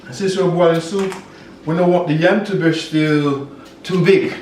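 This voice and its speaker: A man with a Jamaican accent hosting a relaxed cooking video, talking the viewer through each step and slipping into patois phrases. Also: fairly high pitch, normal speed, a little hiss or hum. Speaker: home cook and vlog host. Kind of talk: casual cooking demonstration. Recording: echoey kitchen with background music.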